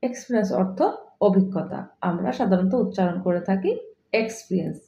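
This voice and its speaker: A woman with a Bangladeshi accent, a native Bengali speaker, teaching English pronunciation, spelling words letter by letter and repeating example sentences slowly. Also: medium pitch, warm tone, echoey room, muffled recording. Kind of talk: pronunciation lesson.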